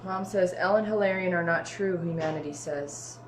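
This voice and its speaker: A woman reading chat messages aloud in a flat reading voice. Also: lowish voice, normal speed. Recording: echoey room, faint noise.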